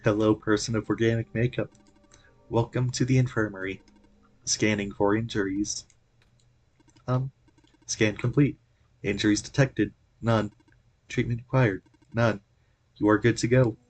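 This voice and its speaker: A man's voice: lowish voice, measured pace, long pauses. A man doing a polite clinic robot. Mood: dutiful. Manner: flat, clipped announcements.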